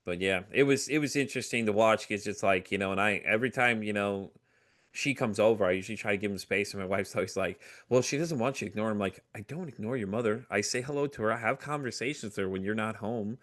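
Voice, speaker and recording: A middle-aged man with a fairly low voice, speaking openly as a podcast guest. He tells his story in an animated way, full of fillers and little acted-out quotes of other people. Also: fast. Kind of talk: candid conversational storytelling.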